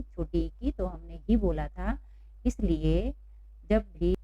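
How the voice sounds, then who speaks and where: A woman's voice: lowish voice, warm tone, no echo. A woman teaching a lesson to children, patiently asking questions and repeating the answers. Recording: dull, dry lo-fi recording.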